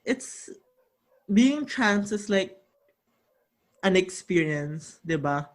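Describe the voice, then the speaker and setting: A man's voice: high voice, lively intonation, drawn-out words, poor audio. A young man hosting a casual podcast, rambling with lots of fillers and restarts. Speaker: podcast host. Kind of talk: casual podcast chat with narrated links.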